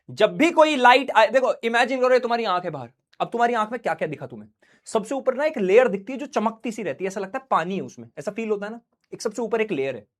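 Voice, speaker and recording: A man's voice: high voice, a bit bright. A young man teaching a science class online, playful and joking, acting out little scenes for his students while feeling unwell.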